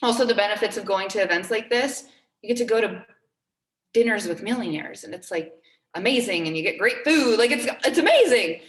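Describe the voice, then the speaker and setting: A young woman in her twenties gives an upbeat, earnest pep talk to her team and circles back on her key phrases for emphasis. Her voice sits at an ordinary middle pitch, and she is recorded in a room with noticeable echo. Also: animated, fairly quick, a bit bright. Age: 20s. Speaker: team trainer.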